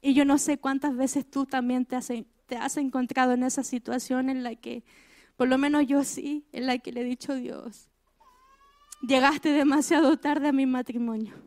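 A woman's voice: high-pitched, level tone, moderate pace, darkish tone, no echo. A woman preaching a sermon, asking her listeners direct questions and repeating key phrases for emphasis.

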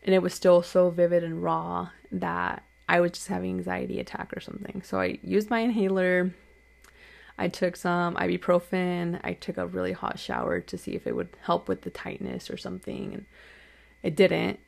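Woman, young adult, podcast host, low voice, gravelly fry, candid chatty storytelling. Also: normal speed, darkish tone. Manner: candid, conversational, many "like" fillers. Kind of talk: solo personal storytelling.

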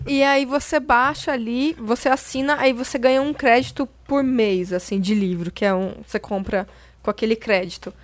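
A woman's voice: on the high side, normal speed, no echo. A woman with a Brazilian Portuguese accent, chatting as a podcast guest, explaining at length with lots of fillers. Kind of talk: casual podcast chat.

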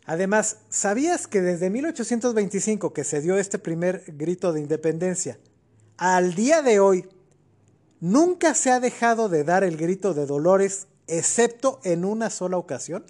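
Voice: mid-range voice, lively intonation, normal speed, a little mellow. A podcast co-host with a Mexican accent, explaining history in a casual chat with colloquial asides.

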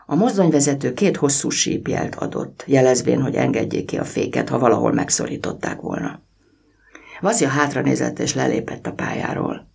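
A man reading a children's story aloud in an expressive storybook narration. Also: medium pitch, creaky, slightly rough.

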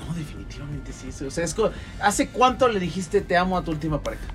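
A man's voice: a little high, very animated, quick pace, fairly bright tone, soft background music. Joking Mexican man hosting a podcast. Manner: joking, teasing. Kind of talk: casual chat.

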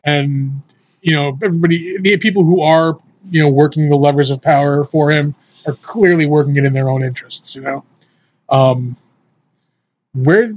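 A man on a casual panel chat, wry and halting, trailing off mid-thought. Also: a little high, steady tone, a little mellow. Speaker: podcast panelist. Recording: muffled, dull sound.

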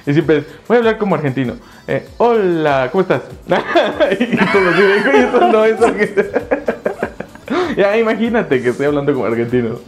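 A man's voice: sits high, big pitch swings, moderate pace. A young Mexican man chatting casually as a podcast co-host, playful and teasing, mocking himself. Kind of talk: casual chat.

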